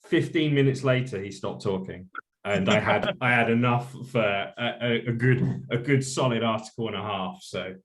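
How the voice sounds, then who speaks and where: A man's voice: mid-range voice, normal speed. A man hosting a podcast, asking long, chatty questions with many fillers. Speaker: podcast host. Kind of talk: casual podcast interview.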